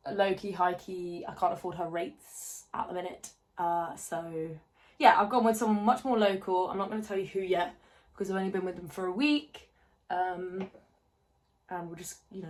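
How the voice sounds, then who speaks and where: Woman, twenties, vlogger, chatty and rambling, slightly low pitch, filmed on a phone at home. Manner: chatty, rambling, self-deprecating, lots of fillers. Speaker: fitness vlogger. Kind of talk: casual chatty get-ready-with-me vlog. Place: home, indoors. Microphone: phone camera held close.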